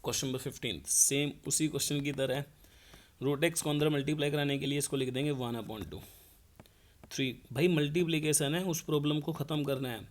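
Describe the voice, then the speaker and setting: A man's voice: fairly high pitch, fairly even intonation, a little fast. A man teaching a math lesson. He explains each step and asks the class questions, then answers them himself.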